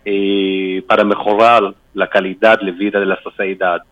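A man gives interview answers at a very slow pace, hunting for each word as a non-native speaker with a foreign accent. His voice is on the low side, and the sound is dry and band-limited, like radio. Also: flat delivery, a bit bright, dry recording, highs cut off. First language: not a native Spanish speaker. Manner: halting, searching for words. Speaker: embassy political adviser being interviewed.

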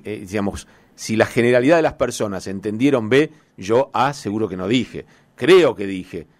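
A man, a journalist hosting a radio interview, chatting in a reflective, conversational way. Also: lowish voice.

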